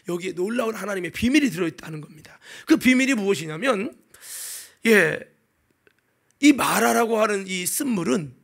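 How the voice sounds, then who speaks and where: Preaching at a normal speed, this pastor has a very high-pitched, creaky voice and tells his sermon as a dramatic story. Loud, exclaiming bursts give way to quiet, lowered asides, and he repeatedly poses rhetorical questions to his listeners.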